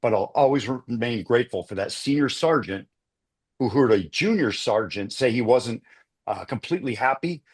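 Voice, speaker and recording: A man's voice: medium pitch, expressive, normal speed, husky. A man, a retired army officer, telling a long story on a video panel, rambling with many uhs and restarts. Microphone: video call.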